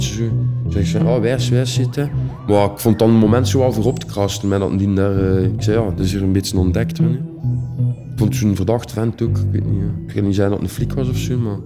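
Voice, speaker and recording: A man's voice: on the low side, steady tone, fairly quick, creaky, over music. A young Flemish man telling his own stories casually, rambling in a streetwise way with many fillers. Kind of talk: casual personal storytelling.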